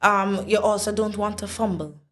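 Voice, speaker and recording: A woman's voice: mid-range voice, normal speed. A young woman from Saint Vincent, a guest in a casual interview, chatty and confident with playful asides to the viewers. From Saint Vincent and the Grenadines.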